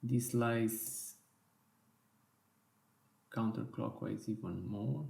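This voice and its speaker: Slow, gravelly man guiding a design tutorial. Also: on the low side, a little mellow, roomy sound. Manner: slow, step-by-step instructions with fillers and self-corrections. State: losing his voice. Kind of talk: screen-recorded software tutorial.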